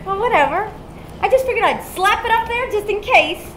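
A woman's voice: very high voice, animated, fairly quick, fairly bright tone. An actress on stage playing a wry, harried woman who hosts children's parties. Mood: chatty. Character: harried adult woman party host, wry. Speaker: party host at a children's play space. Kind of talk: stage musical acting. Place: off-Broadway theater stage. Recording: echoey stage with audience noise.

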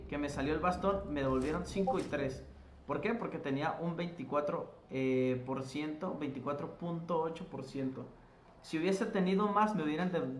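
Chatty man explaining a game in an echoey room. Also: on the high side. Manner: chatty, addresses viewers as "chicos", self-corrects while explaining. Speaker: gaming tutorial host. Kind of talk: casual gameplay tutorial. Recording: echoey room with faint noise.

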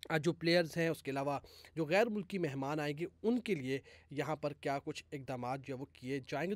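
A male sports reporter, his voice sitting slightly higher than most men's. He reports steadily but fills the gaps with long "aa" sounds. The recording is dry, with little room sound. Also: no echo. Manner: many drawn-out "aa" fillers between phrases. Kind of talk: on-site news report.

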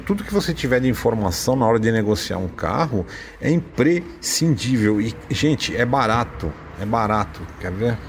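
This lowish male voice, heard over background noise, belongs to a car-channel host with a Brazilian Portuguese accent. He casually talks through a website during a screen share, thinking aloud in a chatty, informal voice-over full of fillers.

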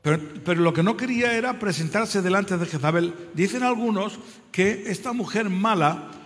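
A man preaching a sermon in a church, calling for applause and amens and retelling a story with hesitations and dramatic pauses. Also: high-pitched. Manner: calls out for applause and amens, loud exclamations. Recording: long hall reverb.

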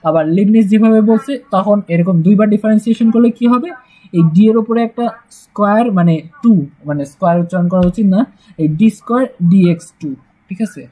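A man's voice: sits high, fast talker, phone-quality sound. A man teaching a casual math lesson, chatty and joking, with frequent "uh" fillers. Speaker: math tutor.

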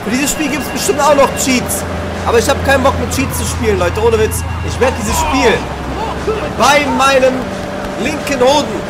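A man's voice: very high voice, moderate pace, a loud crowd, poor audio. A man in his twenties giving exasperated, sweary gaming commentary full of street slang, close to the microphone in a room at home. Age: 20s. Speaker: let's play gamer. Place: small indoor room at home. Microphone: large microphone close to the mouth, headset. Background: game music and sound.

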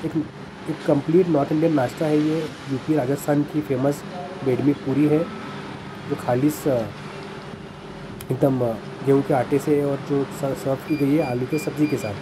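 A man's voice: medium pitch, level tone, moderate pace. A man narrating a casual food review in a small café, chatty and enthusiastic, with some hesitant fillers. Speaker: food vlogger. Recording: noisy café background.

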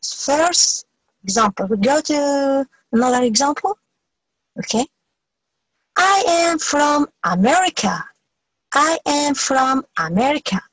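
A woman teaching an English lesson, saying each phrase slowly and clearly, repeating it, then giving the translation. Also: sits high, very animated, fairly bright tone, no room sound, low-quality recording. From Algeria. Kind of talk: bilingual English lesson, slow model phrases.

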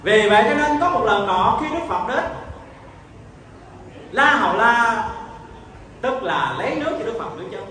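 A man's voice: extremely high pitch, very animated, normal speed, pauses often, pushed and bright, a little hiss or hum. A man with a Southern Vietnamese accent giving an emphatic sermon, telling a story and acting out its dialogue. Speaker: preacher. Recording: echoey hall, distant mic.

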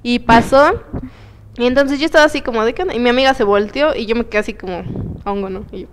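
A woman's voice: a little high, fast talker, slight background noise. Slangy Mexican woman telling a story. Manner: animated storyteller, slangy and playful. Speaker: co-host. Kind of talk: casual chat.

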